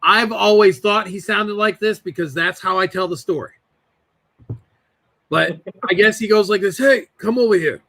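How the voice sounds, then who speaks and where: A man in his forties telling family stories as a podcast guest, animated and doing voices as he goes, over a video call. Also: high voice, moderate pace, creaky. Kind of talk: casual storytelling.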